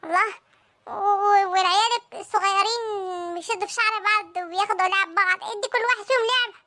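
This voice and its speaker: Brief: performer voicing an exhausted young Egyptian mom in a cartoon, shrill and bright, complaining in a rush. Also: fairly even intonation, quick pace, exaggerated voice. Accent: Egyptian Arabic. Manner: exasperated ranting, whiny. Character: fed-up Egyptian young mother of three. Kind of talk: cartoon comedy voice acting.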